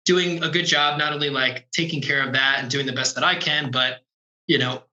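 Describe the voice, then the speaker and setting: Bright-voiced man on an echoey call. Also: a little high, steady tone, moderate pace, lo-fi sound. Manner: laid-back, rambling, lots of "like" and "you know". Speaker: drum tech on tour, guest. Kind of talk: casual remote interview. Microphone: video call.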